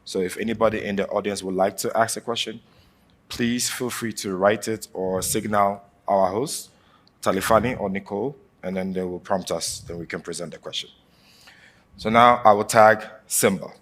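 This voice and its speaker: A man's voice: on the low side, steady tone, moderate pace, fairly bright tone. A man from Africa moderating a panel, reading formal introductions with a joking touch. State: coughing from allergies.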